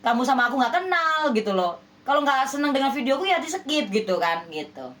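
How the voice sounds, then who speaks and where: A woman's voice: high-pitched, big pitch swings, a little fast, fairly bright tone. A woman healer addressing her viewers in a relationship reading, emphatic and persuasive, with many rhetorical questions. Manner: scolding, persuasive. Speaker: spiritual healer giving love readings.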